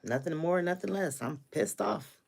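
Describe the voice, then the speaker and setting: A woman's voice: sits low, animated, moderate pace, vocal fry, a little hiss or hum. A woman hosting a casual live stream, venting her frustration, repeating her greetings and complaints and swearing freely.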